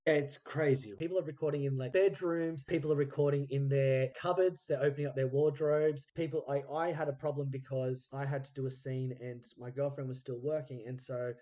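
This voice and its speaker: This man, a podcast host and interviewer, speaks warmly at a medium pitch, a little fast, with fairly even intonation and few pauses. In casual conversation he relates anecdotes with energy, performing the lines of dialogue in them. The audio comes from a phone used for remote recording.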